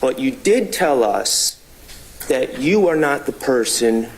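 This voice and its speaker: Male trial attorney, middle register, deliberate courtroom questioning, slightly noisy room recording. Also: mid-range voice, animated. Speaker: defense attorney.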